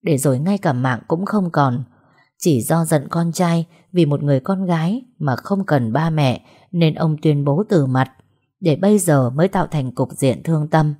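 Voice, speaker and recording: A woman narrating a family drama story in a steady, dramatic storytelling manner. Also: sits low, moderate pace.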